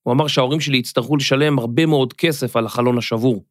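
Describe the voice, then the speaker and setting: A man voicing a frightened young schoolboy who speaks quietly and mumbles, in a children's audio story. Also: medium pitch, fairly even intonation, no room sound, studio quality, close to an everyday voice. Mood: scared.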